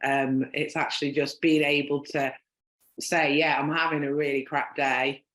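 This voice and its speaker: This podcast host from Northern England has a low-pitched, slightly bright voice and a flat delivery at normal speed. She keeps her conversational interview chatty and rambling, littered with "um" and "like," in an echoey room.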